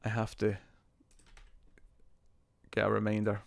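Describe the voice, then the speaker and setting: A man hosting a casual live stream, chatting to viewers and thinking aloud, his voice heavily compressed to an even level on a close mic. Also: lowish voice, takes it slowly, vocal fry.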